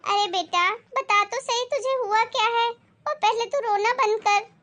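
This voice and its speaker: A woman voicing a worried, loving poor mother who speaks gently and anxiously. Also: very high voice, unhurried, dull audio. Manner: anxious, gentle, soft-spoken.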